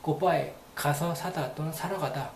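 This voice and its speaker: A man's voice: a little high, unhurried, creaky, reverberant, slight background noise. A man giving a casual, rambling spoken lesson, repeating phrases aloud to demonstrate them. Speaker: English teacher.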